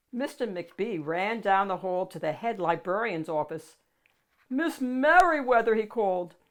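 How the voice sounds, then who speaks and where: A woman with a medium-pitched voice reads a picture book aloud to children. She tells the story in an animated, expressive way with dramatic emphasis.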